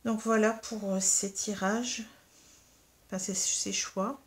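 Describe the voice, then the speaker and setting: Slow and mid-range in voice, a woman talks viewers through a tarot card reading. Her delivery is gentle, calm, and instructive, with frequent fillers, hesitations, and restarts.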